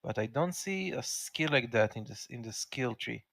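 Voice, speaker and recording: A man with a medium-pitched voice talks casually as a tabletop game player. His sound is dry, with no room on it. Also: expressive, normal speed, vocal fry, a bit bright, no room sound.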